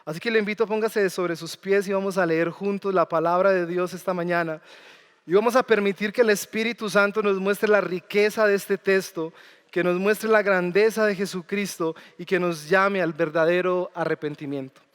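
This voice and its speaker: Male pastor, smooth high voice, conversational sermon, reverberant church hall. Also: steady tone, normal speed. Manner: conversational preaching with questions to the congregation. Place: church sanctuary.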